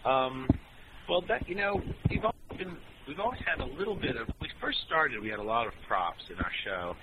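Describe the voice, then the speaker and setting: A man in a band answering fan questions in a relaxed, rambling way with many ums and uhs. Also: mid-range voice, background noise. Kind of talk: casual Q&A chat.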